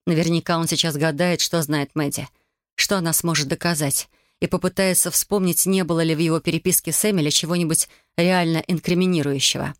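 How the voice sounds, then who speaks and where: An audiobook narrator reading a tense scene in measured, even storytelling. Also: medium pitch, dry recording, clean studio sound. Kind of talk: scripted narration.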